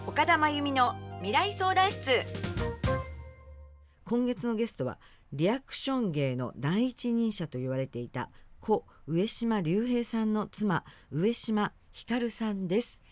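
A woman's voice: medium pitch, animated, unhurried, hardly any pauses, music in the background. A woman hosting a radio talk show, introducing a guest and giving frequent short acknowledgements. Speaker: radio host.

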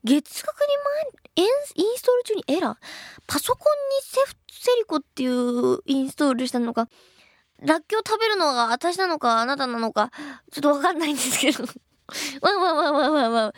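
Young female radio host, bright high voice, chatty and self-mocking, dry close studio mic. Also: sing-song, fairly quick, no room sound. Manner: chatty, bubbly and self-deprecating. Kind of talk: casual radio talk reading listener mail.

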